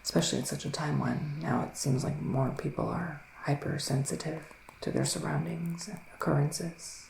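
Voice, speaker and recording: An ASMR performer plays a solemn male psychic witch giving a reading, soft-spoken and half-whispered. His voice sits on the high side with fairly even intonation, and the mood is grave and soothing. He speaks slowly and deliberately, with breathy pauses and sighs, recorded in a roomy space with faint background noise.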